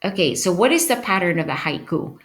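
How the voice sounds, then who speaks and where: A woman's voice: fairly low pitch, expressive, brisk. A woman teacher explaining a lesson to her students, patient, and often checking in with "okay?". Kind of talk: recorded online class lesson.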